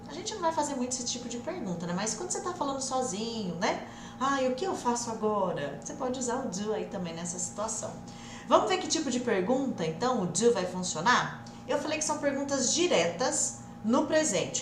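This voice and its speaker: A woman with a Brazilian Portuguese accent teaching an online English lesson, lively and direct, stretching words for emphasis. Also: a little high. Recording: echoey room with faint noise.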